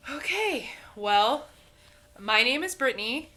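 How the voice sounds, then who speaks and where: Woman, 20s, from Indiana, podcast co-host. Slow, bright delivery, blunt and casual. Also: high-pitched, animated. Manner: blunt, laughing, with frequent ums. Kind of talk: casual chat.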